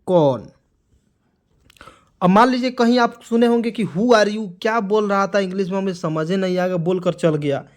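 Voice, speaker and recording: A man's voice: high-pitched, moderate pace. A man teaching English words, spelling them letter by letter and drilling each one with repeated questions and answers. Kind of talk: classroom-style spoken lesson.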